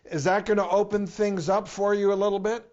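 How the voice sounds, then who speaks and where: High-voiced male talk show host. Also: little pitch movement, brisk, a little mellow, lo-fi sound. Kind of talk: presenting and interviewing on a TV talk show.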